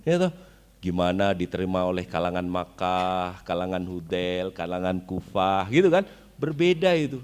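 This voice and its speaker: A man's voice: deep voice, moderate pace, darkish tone, smooth. A man from Indonesia giving a religious study lecture. He explains his points, recites Arabic verses and asks the audience questions. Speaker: Islamic preacher. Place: weekly study gathering.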